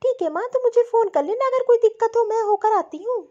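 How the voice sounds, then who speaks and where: Woman voicing a very high-pitched devoted young wife. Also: fairly quick, mellow. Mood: earnest. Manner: earnest, eager to please. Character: young dutiful devoted daughter-in-law. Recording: dull lo-fi audio.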